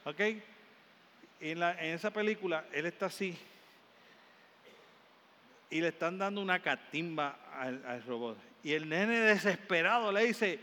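A man's voice: on the high side, lively intonation, a little slow, pauses often, sharp tone. A male pastor with a Caribbean Spanish accent, preaching a sermon in a church hall and building up in emphatic repeated phrases. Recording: long hall reverb, faint room noise.

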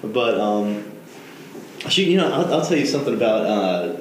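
A young man chats in halting bursts, with plenty of fillers and restarts. His voice bounces around a very echoey room, and a faint hiss runs underneath. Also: fairly low pitch, very animated. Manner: halting, filler-heavy, laughs easily. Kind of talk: casual podcast chat.

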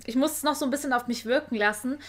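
A woman's voice: high voice, racing. A woman talking casually and thoughtfully, hesitating with plenty of fillers. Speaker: listener. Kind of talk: casual chat.

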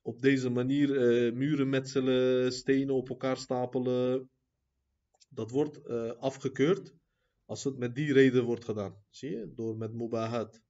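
A man teaching an Islamic lesson who reads texts quickly, then explains them at length with many fillers and asides to his listeners. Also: medium pitch, fairly even intonation, mellow, muffled recording. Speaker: religious teacher.

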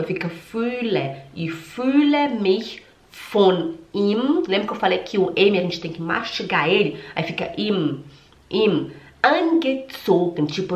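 A Brazilian woman teaching German in an online lesson, sounding congested from a cold and drilling pronunciation by repeating words carefully. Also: lowish voice. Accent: Brazilian Portuguese. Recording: roomy echo.

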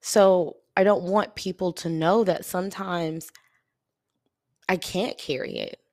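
A tired woman speaks earnestly into a close microphone, confiding with a slightly low voice. The sound is dry, with no room around it. She lets in soft laughs now and then as she reflects on her own podcast. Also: fairly even intonation, slow pace, no room sound. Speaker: podcast host. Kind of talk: reflective solo podcast talk.

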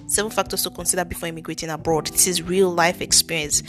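A woman with a thick Nigerian accent hosts her own casual solo podcast as an immigration consultant, chatting earnestly with frequent ums and restarts. Her voice is fairly low, steady, a bit bright, and fast, with soft music behind her.

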